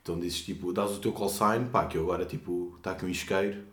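A young man with a European Portuguese accent talks quickly and loosely, full of slang. His voice sits fairly low, and the room gives it a noticeable echo. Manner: slangy, animated, fast-talking. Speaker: airline pilot. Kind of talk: casual podcast chat. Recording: roomy echo.

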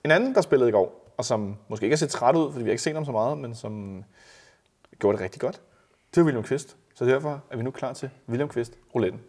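A man co-hosting a casual football podcast, telling lively anecdotes and imitating the people in them. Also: mid-range voice, husky. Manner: animated storyteller, mimics others in anecdotes. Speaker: podcast co-host.

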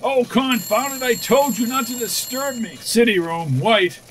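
A man playing a gruff, excitable, commanding newspaper editor in a 1940s radio serial. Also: extremely high pitch, a little slow. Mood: agitated. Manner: brusque, commanding. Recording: noisy vintage 1940s radio recording.

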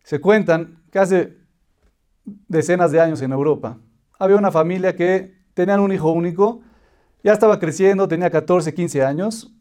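A man with a fairly high voice teaches a Torah lesson. He tells a parable and explains it patiently, stacking short repeated phrases one after another. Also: normal speed, darkish tone. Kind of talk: religious lesson with a told parable.

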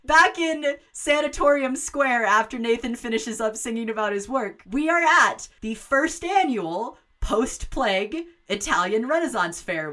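Hosting a relaxed watch-along podcast, this woman recaps a movie and reads trivia questions in a lively, giggly way. Her pitch is fairly high.

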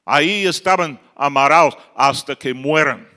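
A man's voice: on the high side, measured pace, sharp tone, smooth. A man preaching a sermon as pastor, building to emphatic outbursts. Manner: preaching with rising emphatic outbursts and acted quotes.

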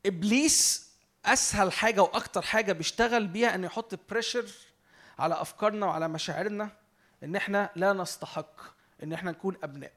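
A man with an Egyptian Arabic accent giving a conversational sermon, earnest, moving from emphatic preaching to quiet self-reflection. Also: high voice, quick pace.

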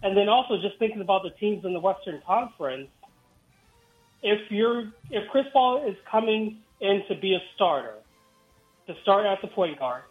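A man's voice: high voice, expressive, normal speed, soft background music. A man calling into a sports radio show, his voice coming through a tinny phone line that sounds like it is inside a tin can. He lays out his argument point by point. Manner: analytical, builds a case point by point. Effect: tinny phone line, like talking inside a tin can. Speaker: caller. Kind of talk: sports call-in analysis.

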